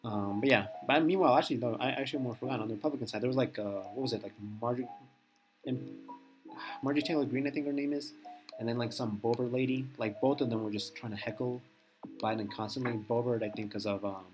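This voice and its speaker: A man's voice: medium pitch, fast talker, over music. A man live-streaming a casual, rambling reaction chat, full of fillers and strong opinions.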